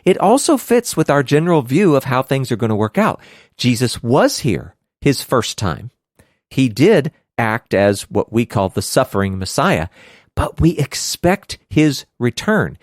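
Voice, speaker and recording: A man co-hosting a casual Bible study podcast, animated and quick to laugh, with hammy outbursts. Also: medium pitch, no echo, studio quality. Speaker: podcast co-host teaching scripture.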